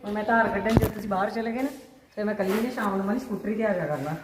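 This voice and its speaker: A woman's voice: mid-range voice, rapid-fire. A middle-aged woman with a Punjabi accent, chatting casually outdoors in a family vlog. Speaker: family vlogger. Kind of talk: casual family chat while practising scooter riding. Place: outdoors by a road. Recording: echoey, distant, loud outdoor traffic noise.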